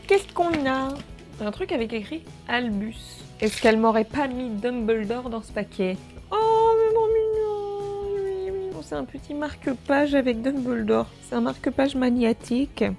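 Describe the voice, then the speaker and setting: A woman's voice: fairly high pitch, creaky, a little mellow. A woman vlogger unboxing birthday gifts in a casual, jokey, exclamatory way, cursing now and then. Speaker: beauty vlogger.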